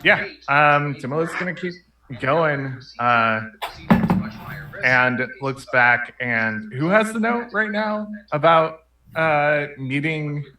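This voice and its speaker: A man playing a tabletop roleplaying game, talking casually and deliberately with frequent pauses. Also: fairly high pitch, lively intonation, echoey room, over music. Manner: slow, deliberate, pausing often. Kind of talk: casual in-character game talk. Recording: picked up from a distance.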